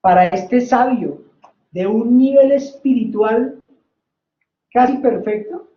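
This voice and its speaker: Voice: mid-range voice, slow. A Bible-study teacher leading a faith study, telling stories and often checking in with the class. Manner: lively, asks "¿sí?" to check the class, tells stories. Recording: roomy, slightly dull recording.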